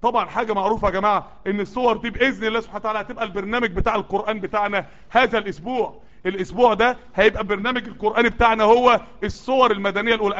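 Worked up and sweaty, this Egyptian-accented preacher drives his live congregation forward with calls that repeat and build. The dull, lo-fi recording captures a very high-pitched voice with a bright, forceful tone.

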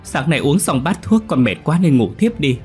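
A man's voice: a little high, big pitch swings, moderate pace, darkish tone, faint music behind, voice pushed up. Man doing a sobbing, begging young wife. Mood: desperate pleading. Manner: tearful begging. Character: terrified young pregnant wife, pleading.

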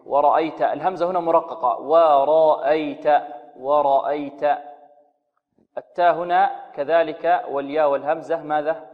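A man teaching the rules of Quran recitation. He poses questions, answers them himself, and slowly intones sample verses to show the sounds. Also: mid-range voice, in a large hall, narrow, tinny audio. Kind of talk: tajweed lesson on radio.

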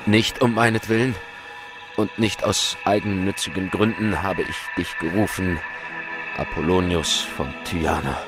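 An actor playing a grave, intense hero who narrates his supernatural ordeal in a horror audio drama. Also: fairly low pitch. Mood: earnest appeal. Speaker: narrator and protagonist. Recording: loud music behind the voice.

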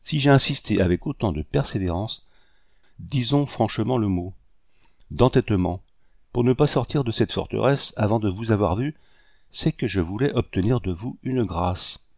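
A man reading aloud voices an earnest young lady of colonial society, speaking gently and pleadingly. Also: fairly low pitch, lively intonation, moderate pace, no echo, clean studio sound. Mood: timid insistence.

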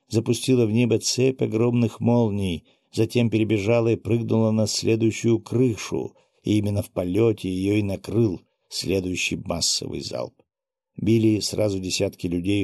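A man narrating a first-person audiobook in a steady, even reading. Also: fairly low pitch, vocal fry, no echo, clean studio sound.

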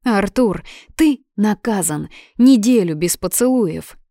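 A woman's voice: fairly low pitch, measured pace, a little mellow, dry recording, studio quality, close to an everyday voice. A woman playing a prim, indignant young student.

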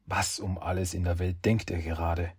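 A man narrates an audiobook in a calm, measured way. His voice is husky and lowish, and he reads slowly. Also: dry recording, studio quality. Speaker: audiobook reader. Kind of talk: scripted narration.

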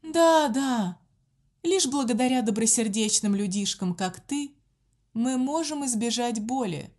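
Woman reading as sinister nun-sorcerer for an audiobook, high, cold and taunting. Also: animated, measured pace, darkish tone. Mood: cold mocking. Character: cruel sorcerer posing as a nun, menacing.

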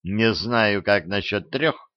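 A male narrator voicing a sly, quick-witted swindler who talks in a wry, needling way, in a dull, dry recording. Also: lowish voice, no room sound. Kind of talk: audiobook character voice.

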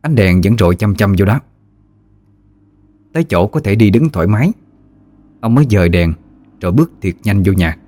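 A man with a Southern Vietnamese accent narrating a ghost story in a lively, folksy storytelling manner. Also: lowish voice, moderate pace, long pauses, no echo.

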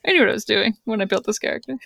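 A woman with a gravelly, creaky voice, speaking matter-of-factly during casual game banter. Her voice is close and dry on the mic. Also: mid-range voice, lively intonation, very fast, a bit bright, dry recording. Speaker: tabletop game player.

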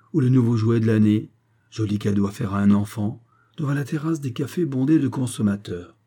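A man narrating an audiobook with a low, dark voice and a husky edge. His reading is steady and measured. The delivery is scripted storytelling. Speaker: audiobook reader.

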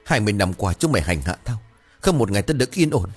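A man's voice: on the high side, expressive, unhurried, darkish tone, husky, faint music behind, pitched above the performer's own voice, full character voice. A man voicing a terrified, guilty old man who stammers and trembles as he begs for mercy. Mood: terrified pleading.

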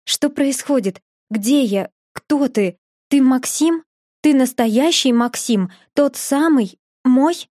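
A woman's voice: high-pitched, slow, dark tone, no echo, studio quality, pitched above the performer's own voice. A woman voicing a shaken, tearful young woman who pleads and asks urgent questions in an audiobook. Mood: bewildered.

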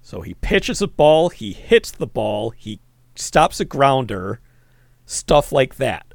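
A man co-hosting a casual movie-review podcast, animated and quick to react. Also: mid-range voice, gravelly, no room sound. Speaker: podcast co-host.

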